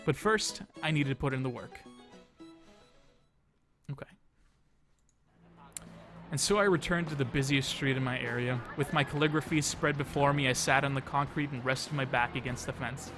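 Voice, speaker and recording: Pausing often at a moderate pace, a medium-pitched man performs a visual novel aloud as a let's play host, dramatizing scenes and adding casual remarks. Game music sits behind his voice.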